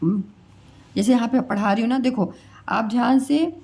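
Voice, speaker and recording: A woman's voice: fairly high pitch, moderate pace, darkish tone. A woman teacher giving a pronunciation lesson, patiently repeating each sound and quizzing her students.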